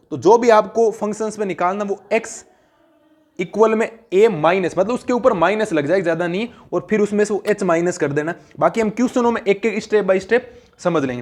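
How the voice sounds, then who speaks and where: A high-voiced man takes students through a classroom math lesson. He keeps asking questions and answers them himself, and he repeats each key point so it sticks. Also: brisk, a little mellow. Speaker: math teacher.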